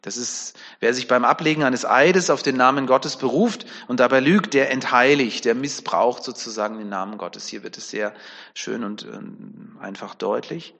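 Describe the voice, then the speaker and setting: A male preacher gives a sermon in a relaxed, conversational manner, often tossing a quick question back at his listeners. His voice sits at an ordinary middle pitch. A long reverb trails behind him, as in a large hall. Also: creaky. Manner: conversational, with frequent tag questions.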